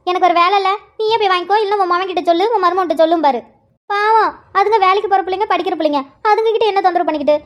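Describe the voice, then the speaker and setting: Voiced as a squeaky, fast-gossiping sister-in-law. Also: a bit bright. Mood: gossipy. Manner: chatty, teasing, fast gossip. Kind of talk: Tamil cartoon voice acting.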